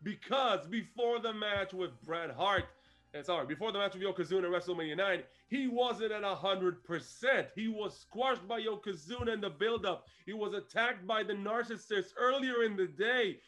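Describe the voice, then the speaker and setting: A man with a fairly high voice, telling the story of a wrestling match in an animated, chatty way and laughing often. Faint music sits in the background. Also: normal speed. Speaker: podcast co-host. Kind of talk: casual wrestling recap chat.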